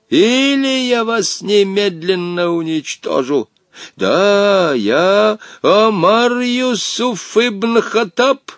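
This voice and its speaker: Man reading a vengeful old genie, pompous, high and slow, storybook villain. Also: no echo, studio quality, full character voice. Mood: furious. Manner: pompous, shouting threats in slow drawn-out phrases. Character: vengeful ancient male genie, furious and gloating.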